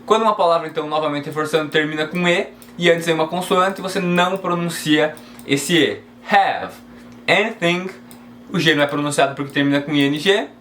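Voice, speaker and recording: Brazilian man, english teacher, casual online lesson, slightly higher voice, faint hum behind. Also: steady tone, a bit bright, echoey room. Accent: Brazilian Portuguese. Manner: friendly, keeps checking in with "beleza?"; reads English examples slowly and carefully.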